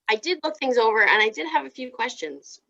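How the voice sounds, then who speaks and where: A woman's voice: sits high, gravelly, sharp tone, lo-fi sound. A woman at a town board meeting asking direct questions about the budget over a video call.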